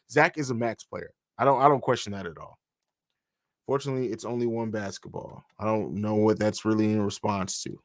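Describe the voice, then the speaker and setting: A man's voice: mid-range voice, a bit bright, no room sound, clean studio sound. A man hosting a live stream, chatting casually and answering viewer comments with frequent fillers. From grew up in Italy and Germany. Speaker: podcast host.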